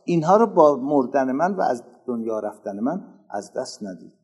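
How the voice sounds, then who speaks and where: A man giving a religious lecture, slowly reciting Arabic passages and explaining them in casual speech, growing louder on key phrases. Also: medium pitch, big pitch swings, breathy edge. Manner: emphatic, rising in loudness on key phrases. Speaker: preacher.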